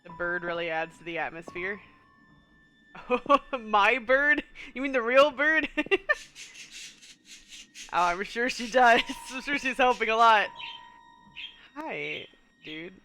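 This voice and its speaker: Thinking aloud as she plays a puzzle game on stream, a stuffy-nosed woman reads in-game text casually and chuckles a lot. Her voice is a little high, expressive, and bright yet forceful, slow with frequent pauses, over a slight hiss or hum.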